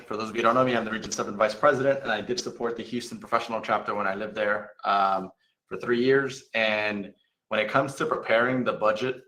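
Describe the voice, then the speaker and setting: Low, bright-voiced male panel host. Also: echoey room, poor audio. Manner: relaxed, conversational, some ums. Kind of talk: casual panel moderation.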